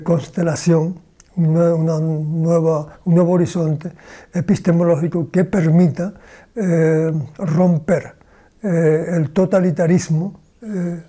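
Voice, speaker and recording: An older Cuban man who teaches philosophy answers interview questions in a small, book-lined room. He speaks slowly and deliberately, often pausing to find the right word, and his voice is slightly high and mellow.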